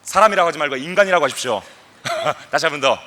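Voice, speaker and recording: Bright, lively young man speaking to youth. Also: fairly high pitch, fast. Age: young adult. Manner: playful, acts out quoted voices, leads the crowd in chants. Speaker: guest speaker at a youth camp. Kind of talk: animated talk to a youth audience.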